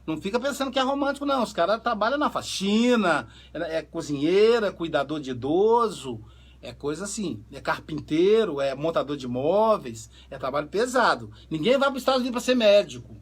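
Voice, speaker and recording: A man with a fairly high, husky voice, working as a psychoanalyst. He tells family stories in a relaxed conversational way and gives the people in them their own voices as he goes. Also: brisk. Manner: animated storyteller, acts out quoted dialogue. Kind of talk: conversational talk on family relationships.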